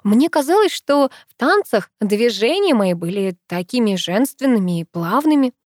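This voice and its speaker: A woman's voice: fairly high pitch, lively intonation, moderate pace, darkish tone, no room sound, natural voice. A playful young man teases and mocks his best friend in easy banter, voiced by a woman reading the story. The sound is dry and close, with no room around it. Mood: teasing.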